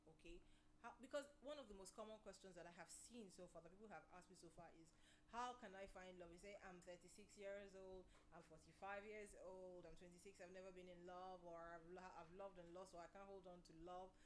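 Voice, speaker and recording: A woman's voice: fairly low pitch, fairly even intonation, fairly quick, a little hiss or hum, low-quality recording. Chatty woman giving love advice. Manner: earnest, repetitive, conversational, often asking the listener questions. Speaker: relationship advice host. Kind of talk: casual advice monologue.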